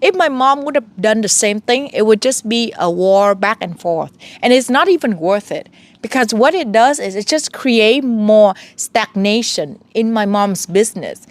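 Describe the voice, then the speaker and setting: A woman in her thirties giving earnest spiritual advice in a casual monologue, talking straight to the viewer. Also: mid-range voice.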